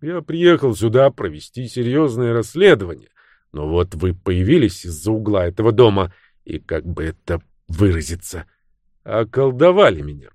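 A man's voice: lowish voice, animated, normal speed, a little mellow, dry recording, studio quality, close to an everyday voice. A man playing a brooding young investigator.

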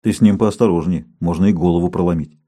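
A man voicing a calm man hiding in the dark, speaking low and urgently in a mellow, husky voice. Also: quick pace. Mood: hushed urgent.

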